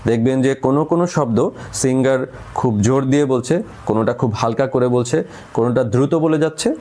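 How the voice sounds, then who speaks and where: A man with a Bangladeshi Bengali accent talks through a singing lesson at a middle pitch for a man. He explains calmly and slows down on example phrases to show the stressed words. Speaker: vocal coach.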